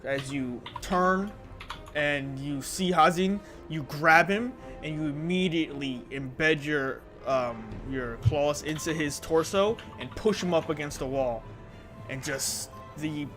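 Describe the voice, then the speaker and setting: A man serves as game master for a tabletop role-playing game, narrating and refereeing with playful, dramatic storytelling and casual language. His voice is fairly high and fairly bright, and he speaks slowly. Music plays clearly behind him.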